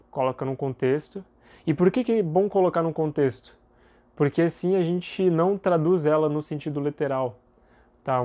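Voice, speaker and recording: A young man explains English vocabulary in a casual video lesson. He talks in a loose, conversational way, leaning on fillers and tag questions. His voice sits a little higher than most men's. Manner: relaxed, chatty, many fillers and tag questions. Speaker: English teacher.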